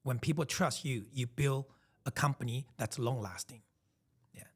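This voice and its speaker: A man's voice: mid-range voice, normal speed, slightly rough. Reflective man talking business on a podcast. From Taiwan. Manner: reflective, emphatic storytelling with frequent restarts. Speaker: podcast co-host. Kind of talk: casual podcast chat.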